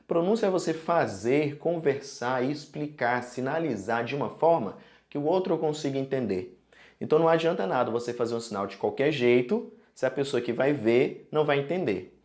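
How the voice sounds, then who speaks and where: A Brazilian-accented man teaching sign language in an online tutorial. His delivery is animated and explanatory, and he keeps checking in with the viewer as he walks through examples. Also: medium pitch. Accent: Brazilian Portuguese.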